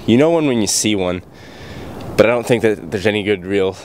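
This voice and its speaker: Young guy with a really low voice, rambling street interview answers, traffic noise behind. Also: animated, fairly quick, darkish tone. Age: young adult. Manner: offhand, rambling, with repeated restarts. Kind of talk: casual vox pop answers. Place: outdoors at night by a brick wall.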